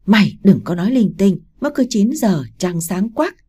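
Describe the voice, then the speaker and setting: A woman voicing a sharp-tongued old rural mother-in-law who scolds gruffly. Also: fairly low pitch, lively intonation, normal speed. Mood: scolding.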